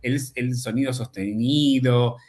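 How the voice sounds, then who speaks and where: Man, speech therapy teacher, mid-pitched voice, steady explanatory manner, video call audio. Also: a little slow. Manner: explanatory, keeps checking with "¿sí?". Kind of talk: online class explanation.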